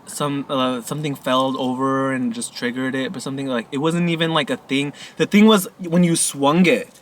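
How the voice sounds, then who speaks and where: A man's voice: mid-range voice, moderate pace. A young man in casual chat, animatedly telling a scary story, acting out what he said back then and swearing casually. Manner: animated, acts out his own past lines, swears casually. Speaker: guest.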